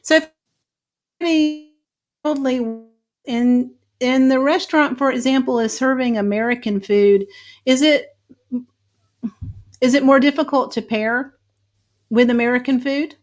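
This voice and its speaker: A woman's voice: high-pitched, fairly even intonation, measured pace, long pauses. A woman hosting an interview, chatty and upbeat as she asks questions. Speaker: host. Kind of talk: casual interview chat.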